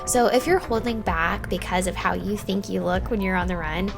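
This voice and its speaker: A woman's voice: medium pitch, steady tone, moderate pace, vocal fry. A woman hosting a vlog, talking in a casual, conversational style. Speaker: vlog host. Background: music.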